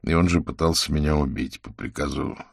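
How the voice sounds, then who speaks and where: A man voicing a calm adult sorcerer who speaks gently and patiently. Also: very deep voice, fairly quick, gravelly, husky, no echo, studio quality, exaggerated voice. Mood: earnest. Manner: soft and reassuring, drops to a hush.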